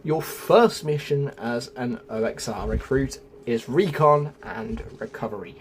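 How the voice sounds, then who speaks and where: With a mid-range voice and a slightly slow pace, a man narrates a scripted gaming guide, explaining things one step at a time and speaking to viewers as "folks." Music runs beneath him, along with slight background noise.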